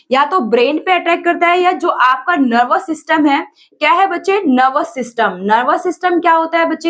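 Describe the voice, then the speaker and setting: A woman's voice: extremely high pitch, fairly bright tone. A woman with an Indian accent teaching an exam-prep lesson, calling her students children, asking them questions and answering them herself, and mixing English terms into her speech.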